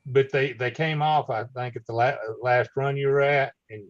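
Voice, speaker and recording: A man chatting casually on a group voice call, asking quick follow-up questions about a hobby build. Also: medium pitch, fairly even intonation. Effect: heard over a group voice call. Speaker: hobbyist chat participant. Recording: dull lo-fi call audio.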